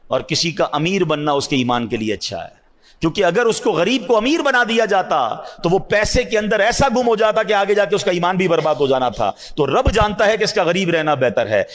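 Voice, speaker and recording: A man preaching a religious sermon, asking his listeners rhetorical questions and swinging between hushed low asides and high, emphatic cries. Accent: Urdu speaker from South Asia.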